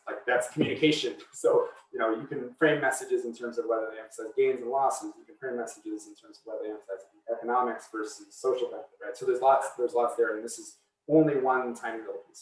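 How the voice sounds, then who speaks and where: A man's voice: medium pitch, distant mic. A man answering seminar questions over a video call, with a mid-range voice. He sits some way from his mic in a roomy space. He thinks aloud, with frequent restarts and fillers. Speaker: seminar speaker. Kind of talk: academic Q&A answers.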